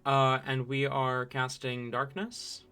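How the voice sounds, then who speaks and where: A man acting as game master, narrating and making rulings in a halting, deliberate way. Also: mid-range voice, completely flat delivery, sharp tone, clear, resonant tone.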